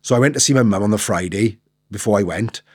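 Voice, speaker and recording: A man's voice: fairly low pitch, fast, darkish tone, no echo, studio quality. A middle-aged man with a South Wales accent, telling his personal story candidly and earnestly, repeating phrases and acting out remembered conversations. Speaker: interview guest, motivational speaker.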